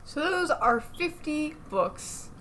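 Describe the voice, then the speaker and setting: A woman's voice: high-pitched, expressive, slow pace, a bit bright, slight background noise. A young adult woman co-hosting a podcast, talking in a chatty, giggly way. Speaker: podcast co-host. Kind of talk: casual chat.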